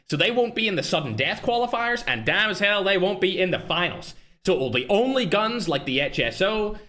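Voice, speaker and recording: Speaking in a slightly high, bright and forceful voice, this Northern Irish streamer and tournament organizer addresses chat directly. He's brash and quick, tossing out asides and trash talk in a casual way.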